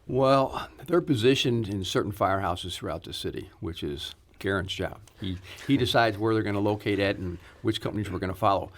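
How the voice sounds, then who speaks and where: A man with a somewhat low voice answers as a fire chief. His interview style is conversational and informal, with loose phrasing. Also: fairly quick, few pauses.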